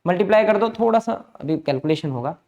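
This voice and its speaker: A man, teaching maths in a brisk lecture and coaxing students through each step. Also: high voice, expressive, a little mellow, lo-fi sound. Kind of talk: lecture mixing Hindi and English.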